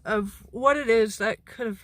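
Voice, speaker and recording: A woman sounding anxious and shaken, speaking haltingly and earnestly to camera in a personal vlog. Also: fairly high pitch, a bit bright, no echo. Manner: halting, earnest, with long pauses. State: anxious, shaken during a panic attack. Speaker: mental health vlogger. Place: outdoors beside a parked car.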